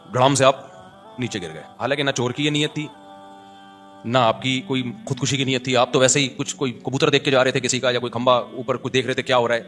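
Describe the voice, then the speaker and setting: A man's voice: medium pitch, fairly bright tone. A male Islamic scholar giving a conversational religious talk, mixing jokes and everyday examples with recited Arabic verses.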